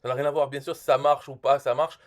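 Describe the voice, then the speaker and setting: A man's voice: mid-range voice, level tone, fast. A man hosting as a self-styled marketing expert, ranting bluntly and crudely in a rambling monologue full of restarts. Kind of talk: rambling comic rant to camera.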